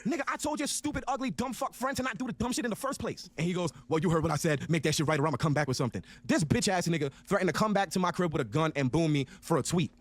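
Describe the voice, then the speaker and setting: A man's voice: on the high side, rapid-fire, hardly any pauses. A man telling a story in a casual, profane rant, acting out each side of an argument. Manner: animated, profane, acts out both sides of an argument.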